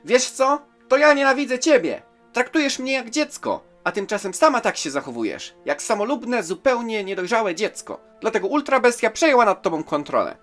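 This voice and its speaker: A reader voicing a fiery, defiant young girl who shouts her lines from a storybook comic. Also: sing-song, moderate pace, few pauses, faint music behind. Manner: shrill, shouting.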